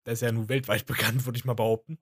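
A man's voice: mid-range voice, flat delivery, rapid-fire, fairly bright tone, dry recording. Blunt man, dry close sound. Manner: blunt, opinionated, wry asides. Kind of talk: casual chat.

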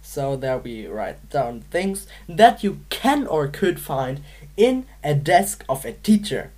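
A woman's voice: low-pitched, sing-song, slow pace, a little mellow. A woman from Manchester co-hosting a podcast, giggly and playful while chatting through a word game. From Manchester, England. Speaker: podcast co-host. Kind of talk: casual game chat.

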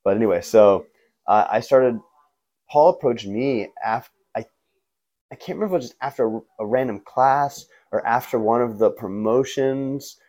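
A man's voice: mid-range voice, moderate pace, darkish tone. A man chatting casually and telling stories in laid-back frat-bro slang, full of "man", "bro" and "you know". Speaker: guest, martial arts instructor and skateboarder.

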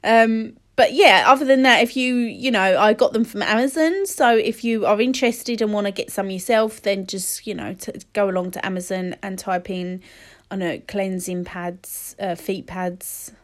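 A woman's voice: mid-range voice, normal speed. A woman, chatting casually and rambling with many fillers while sniffly from a cold. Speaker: podcast host. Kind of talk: casual solo chat.

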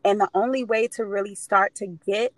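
A woman speaks as a guest in a casual podcast interview. Her voice sits at an average pitch, and she tells her points confidently and emphatically. The sound is dry and close. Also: steady tone, normal speed, no echo. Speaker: guest, real estate investor.

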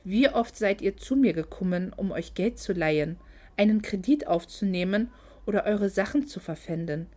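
A woman's voice: mid-range voice, animated, moderate pace, a little mellow, natural voice. A woman voicing a greedy, fake-sweet moneylender man who talks in a mock-polite, condescending way, in a storybook reading. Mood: scornful.

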